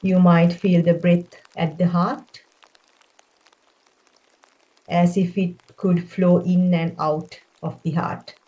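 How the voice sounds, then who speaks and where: Leading a guided meditation, a woman speaks calmly and gently with slow, relaxed phrasing. Her voice sits fairly low, and the recording is rough.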